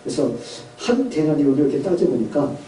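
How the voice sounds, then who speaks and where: A male pastor delivers a sermon, retelling a parable and asking his listeners questions as he goes. His voice sits fairly high and mellow. He sounds a little distant from the mic in an echoey church hall, with faint room noise behind him. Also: big pitch swings, fairly quick. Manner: storytelling with questions to the congregation, voicing characters. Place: church sanctuary.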